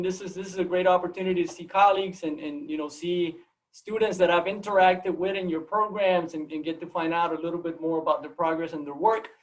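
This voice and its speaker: A native Spanish speaker from Puerto Rico with a Puerto Rican accent delivers a casual, story-driven seminar talk on a video call, repeating words often. He is a biology professor appearing as a guest speaker. His high voice comes through a distant mic in a low-quality recording.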